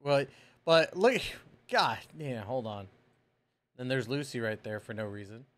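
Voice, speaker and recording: An American man in his thirties hosts a reaction video from a small indoor room full of collectibles, speaking into a close microphone on a boom arm. His mid-range voice has lively intonation and an unhurried pace, and his commentary is casual, slangy, and exclamatory.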